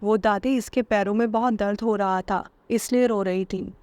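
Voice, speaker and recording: A woman's voice: medium pitch, steady tone, normal speed, darkish tone, close to an everyday voice. Woman voicing a short-tempered young husband. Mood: pleading.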